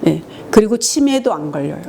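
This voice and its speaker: A middle-aged woman giving a lively lecture in a hall, acting out couples' quarrels in mock voices and dotting her talk with short affirmations. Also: mid-range voice, fairly quick, creaky, slight background noise. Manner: acts out quarrels in mock voices, frequent "예" fillers.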